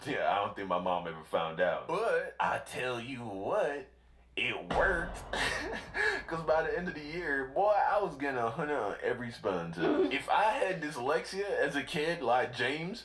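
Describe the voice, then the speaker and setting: A young man telling a childhood story in a casual, animated way, with slang and laughing asides. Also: mid-range voice. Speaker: vlogger storyteller. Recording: echoey room.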